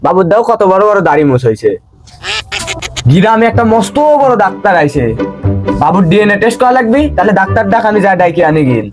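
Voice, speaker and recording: Quick, high-voiced man in a comedy sketch. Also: lively intonation, music in the background. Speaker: comic actor playing a suspicious husband.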